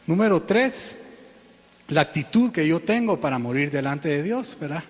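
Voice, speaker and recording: A pastor preaching in a conversational way, often clearing his throat and checking in with "¿verdad?" and "¿va?". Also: fairly high pitch, expressive, normal speed. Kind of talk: sermon. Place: church sanctuary. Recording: long church-hall reverb.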